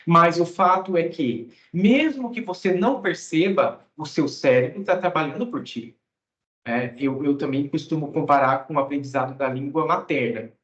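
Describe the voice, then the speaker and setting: A man's voice: fairly high pitch, moderate pace, fairly bright tone. A man from Mato Grosso, Brazil, working as an English teacher, explaining things to students in a casual, conversational way and often tagging his phrases with a question. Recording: echoey room, dull lo-fi sound.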